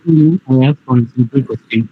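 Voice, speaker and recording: A man's voice: medium pitch, moderate pace. A man calling in to a webinar over breaking-up conference call audio, asking a question hesitantly and politely and repeating himself. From India. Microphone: remote call from a phone or computer. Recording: husky, tinny online call line.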